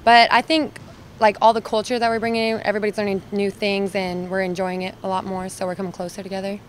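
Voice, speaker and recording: A woman's voice: medium pitch, little pitch movement, quick pace, slight background noise. A young woman from Utah, a college volleyball player, answering interview questions casually and hesitantly with many fillers. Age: young adult.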